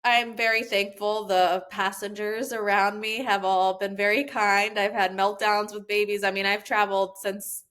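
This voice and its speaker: A woman's voice: medium pitch, little pitch movement, moderate pace, few pauses, a bit bright, clear, resonant tone. A woman in her thirties, a podcast guest, chatting casually and giving practical travel tips with many "like" fillers.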